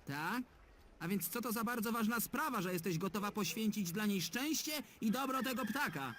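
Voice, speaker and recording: A man's voice: high-pitched, expressive, moderate pace, a bit bright, slight background noise. An actor voicing a sarcastic, sulky talking male bird in a dubbed adventure game. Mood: sardonic. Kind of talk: game dub voice acting.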